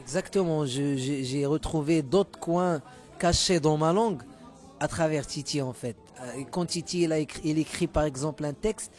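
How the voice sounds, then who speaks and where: Man, from Morocco, Moroccan Arabic native, searching for words, casual interview talk, soft music in background. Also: fairly high pitch, normal speed. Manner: hesitant, repeats words while searching for terms. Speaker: musician guest.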